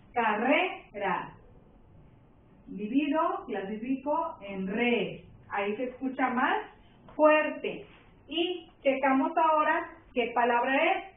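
A woman with a Mexican accent teaching a primary school grammar lesson, patiently checking in with her pupils. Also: high-pitched. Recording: tinny distant echoey room.

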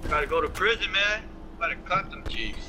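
A man's voice: sits high, very animated, fairly quick. A young man in casual gaming banter, ranting crudely and swearing over voice chat. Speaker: gamer in party chat. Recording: noisy game voice chat with background hum.

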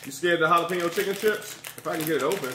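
A man's voice: fairly high pitch, racing, background noise. A man hosting a casual food review taste test at home, chatty and teasing. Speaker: video host. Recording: echoey room.

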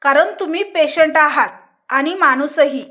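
A woman reading the lines of a steady, direct young nurse in a storybook reading. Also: high voice, unhurried. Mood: firm.

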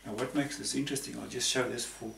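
A man in his sixties from Zambia, a panel guest, gives rambling, conversational explanations full of repeated words. His mid-range voice is creaky and a bit bright, with fairly even intonation and a quick pace. He sits in a room with a patterned tapestry backdrop, and the recording is roomy and distant with faint hiss.

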